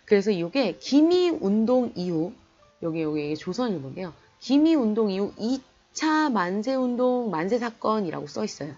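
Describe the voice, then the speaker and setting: Female history teacher, lively swooping delivery, chatty lecture, slightly muffled recording. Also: medium pitch, normal speed, faint music behind. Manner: chatty, animated, colloquial storytelling.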